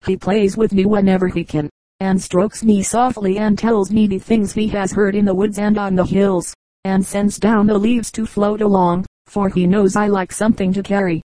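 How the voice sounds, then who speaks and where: A woman reading the part of a cheerful talking brook in a storybook, gentle and fond, with an even, mellow voice. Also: medium pitch, moderate pace, no room sound, close to an everyday voice, rough recording. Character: cheerful chattering brook, endlessly happy.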